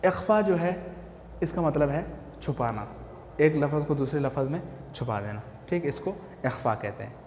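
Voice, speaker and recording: A man with an Urdu accent teaching Quran recitation, a patient teacher who repeats each term slowly. His voice sits a little high for a man. The room is echoey with a long reverb tail and faint ambient noise behind him. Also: expressive, darkish tone. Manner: patient, explains step by step and repeats key terms. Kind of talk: teaching a lesson.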